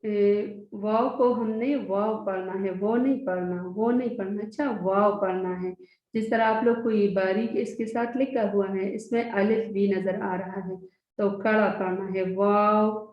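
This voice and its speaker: A woman's voice: mid-range voice, fairly even intonation, measured pace. A woman teacher giving a recorded lesson to young children, stretching out each letter name for them to repeat. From Pakistan. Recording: echoey, dull lo-fi recording.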